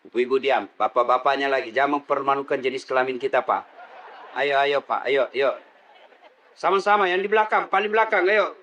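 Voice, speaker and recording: A man's voice: on the high side, sharp tone. A middle-aged man preaching a comedic sermon, teasing the crowd and leading call-and-response. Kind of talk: comedic sermon to a live audience.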